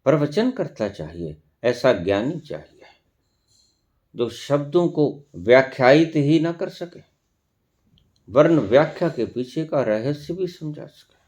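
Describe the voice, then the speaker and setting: A male spiritual teacher delivers a discourse with a melodic voice that rises and falls widely. He speaks slowly and deliberately, posing one rhetorical question after another. His tone is mellow. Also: medium pitch, lively intonation.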